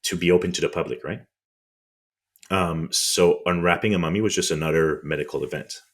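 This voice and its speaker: A man with a French accent explains history on a podcast in a relaxed, conversational way. His voice sits extremely low, and he drops wry, indignant remarks as he goes. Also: a little fast. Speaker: podcast co-host.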